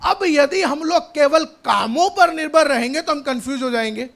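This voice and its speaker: A man's voice: extremely high pitch, normal speed, gravelly, fairly bright tone. A man preaching a sermon as pastor, emphatic, often raising his voice and repeating lines after a reader.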